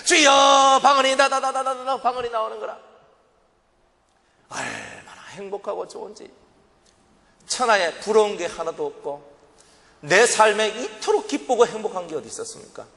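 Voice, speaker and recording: High, lively Gyeongsang preacher in a hall. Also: male voice, moderate pace, vocal fry, long pauses. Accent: Gyeongsang Korean. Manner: dramatic storytelling, acts out his own past prayers and crying. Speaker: pastor. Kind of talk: sermon with vivid personal testimony. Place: church sanctuary. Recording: long reverb of a church hall.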